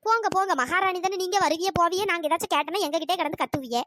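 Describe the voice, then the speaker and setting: A woman doing a shrill, nagging old village mother-in-law. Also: very fast, a bit bright. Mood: scolding. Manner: scolding, sarcastic, relentless. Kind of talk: cartoon dialogue with pitch-raised voice.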